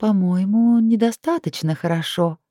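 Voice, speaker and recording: A woman's voice: medium pitch, a little fast, warm tone, slightly rough, dry recording, clean studio sound, voice pushed up, lightly acted. A woman voicing a sarcastic, defiant young woman in a fantasy audiobook. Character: sharp-tongued young woman heroine.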